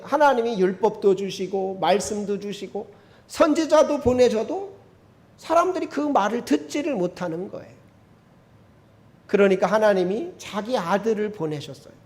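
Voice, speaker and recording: A man preaching a sermon as a pastor, emphatic, dropping to soft asides and acting out quoted lines in other voices. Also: high voice. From South Korea. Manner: emphatic, swings between loud and soft; acts out quoted speech in changed voices.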